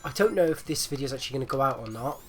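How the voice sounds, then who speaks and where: Male gaming host, mid-pitched, chesty and phlegmy as if getting over flu, rambling casual delivery over music. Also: animated, racing. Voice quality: rattly, chesty, congested voice. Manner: hesitant, rambling, repeats himself. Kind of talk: casual gameplay commentary.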